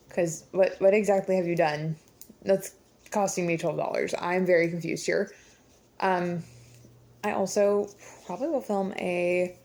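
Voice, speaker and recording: A woman's voice: on the low side, a little mellow. Chatty young woman knitting vlogger. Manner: chatty and candid, frequent ums. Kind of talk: casual knitting tutorial. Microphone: phone on a stand.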